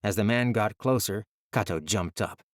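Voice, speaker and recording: A man with a fairly low voice reads a fantasy audiobook, keeping a measured, even storytelling pace. His voice is recorded dry and close, with no room around it. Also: no room sound. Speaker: audiobook narrator. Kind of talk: scripted fantasy audiobook narration.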